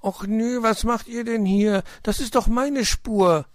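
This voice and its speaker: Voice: deep voice, moderate pace, a little mellow, slightly rough, no echo, clean studio sound. A man voicing a small, boastful and sulky boy hedgehog who whines eagerly. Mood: eager, whiny. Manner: whiny, eager.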